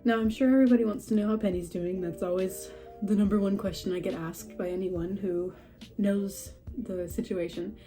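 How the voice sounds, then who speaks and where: With faint music behind her, a young horse-breeding vlogger rambles through a home update surrounded by houseplants, her voice stuffy and a bit scratchy from a cold. Medium-pitched and mellow, she speaks at a moderate pace with fairly even intonation and hardly any pauses. She's chatty, self-deprecating and laughs often.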